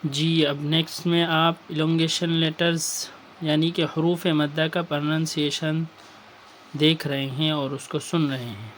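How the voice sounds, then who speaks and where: A male Quran reading teacher explaining a lesson on screen, drilling syllables slowly and deliberately and mixing in English terms. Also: on the high side, little pitch movement, a bit bright, a little hiss or hum.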